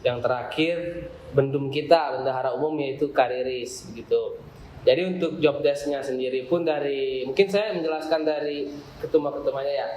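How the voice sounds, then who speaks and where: Speaking at a moderate pace in a darkish, mid-range voice, the young student association chair describes his group in depth for a relaxed podcast, filling pauses often. A little hiss or hum sits under the faint ambience of a roomy space.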